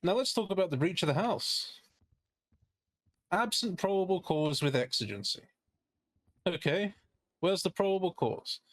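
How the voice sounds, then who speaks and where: A man's voice: high-pitched, animated, a little slow, long pauses, no echo. A man playing a skeptical, indignant defense lawyer in a role-play game, giving a courtroom closing argument with pointed, sardonic rhetorical questions.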